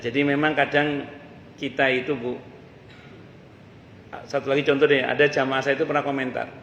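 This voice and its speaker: A man's voice: mid-range voice, creaky, a bit bright, a little hiss or hum. A man giving a conversational religious study lecture in a mosque, mixing folk sayings with asides. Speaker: ustadz teaching a mosque study circle. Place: mosque hall. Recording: echoey mosque hall with faint ambience.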